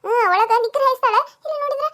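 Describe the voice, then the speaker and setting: A woman's voice: very high-pitched, racing, fairly bright tone, slight background noise. A woman with a North Karnataka accent voicing a grumbling, nagging village mother-in-law in a cartoon comedy. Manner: grumbling, nagging, talking to herself.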